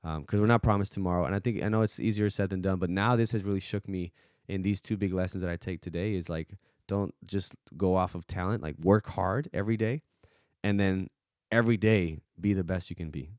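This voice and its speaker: A man's voice: low voice, a little fast, darkish tone, no echo, clean studio sound. A man hosting a podcast, talking earnestly and emotionally about faith and loss in a casual chat. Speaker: podcast host.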